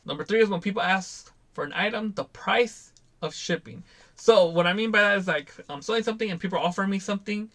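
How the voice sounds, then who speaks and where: A man's voice: high-pitched, quick pace, a bit bright. Exasperated man ranting about buyers. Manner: exasperated, acts out buyers in quoted voices. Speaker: toy seller and channel host. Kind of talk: casual vlog rant.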